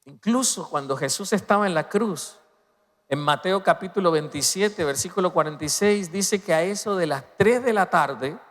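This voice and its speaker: A man preaching a sermon as pastor, swinging between loud emphatic peaks and soft, low passages. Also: moderate pace. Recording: long reverb of a large hall.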